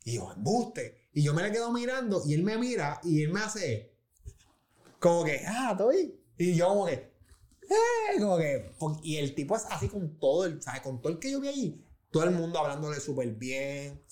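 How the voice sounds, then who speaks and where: A man's voice: fairly high pitch, expressive, a little fast, darkish tone. A man chatting casually in a recording studio, telling stories in a loose, slangy way with many restarts. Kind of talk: casual chat.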